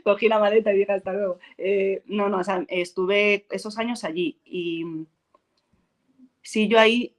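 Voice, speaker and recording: A woman's voice: mid-range voice, a little slow. A woman, an actress from Spain, chatting in an interview and telling anecdotes, acting out quoted lines and laughing often. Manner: animated storyteller, acts out quotes and laughs a lot. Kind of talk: casual interview chat.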